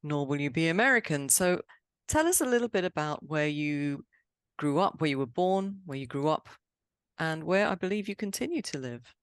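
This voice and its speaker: English woman, podcast host, low voice, dry close sound, chatty and brisk. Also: expressive, clear, resonant tone, no echo. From England. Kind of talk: podcast talk and interview.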